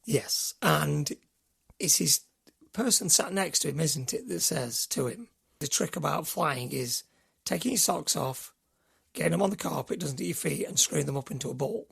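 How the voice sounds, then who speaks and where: A man's voice: fairly high pitch, lively intonation, normal speed, creaky, a bit bright, husky. A middle-aged man co-hosting a podcast, telling rambling stories in casual chat. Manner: chatty, rambling storyteller. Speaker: podcast co-host.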